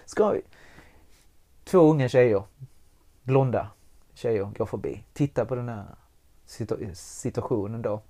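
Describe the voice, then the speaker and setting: Candid, swearing man telling a story. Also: medium pitch. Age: adult with young child. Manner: candid, swears freely, animated, acts out quotes. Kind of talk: personal storytelling in conversation.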